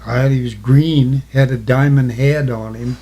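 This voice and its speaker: Slow, mellow old veteran remembering. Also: male voice, mid-range voice, steady tone, breathy edge. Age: elderly, 80s or older. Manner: old veteran remembering, halting recall in short plain answers. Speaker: war veteran being interviewed. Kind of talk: reminiscing in an oral history interview.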